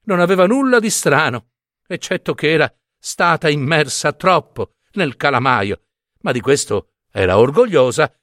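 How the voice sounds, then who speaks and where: A man reading a fairy tale aloud in an expressive, playful way. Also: on the high side, moderate pace, dry recording, clean studio sound. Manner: animated, playful. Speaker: storyteller.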